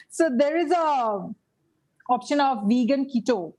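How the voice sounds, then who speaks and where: A woman's voice: high-pitched, animated, measured pace, darkish tone, rough recording. A woman teaching vegan baking in a casual live online class, talking with many fillers and restarts. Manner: hesitant, many fillers and restarts, laughs often. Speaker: guest vegan baking instructor. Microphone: video call.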